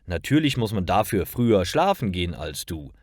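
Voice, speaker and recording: A man voicing a cheerful young male flatmate who is an early riser, in an upbeat, easygoing way. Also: low-pitched, normal speed, no room sound, clean studio sound.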